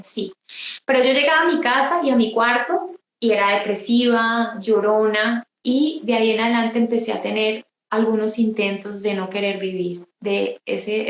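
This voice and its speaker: A woman giving an emotional personal testimony in an interview, halting and restarting often. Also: mid-range voice, echoey room, poor audio. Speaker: interview guest.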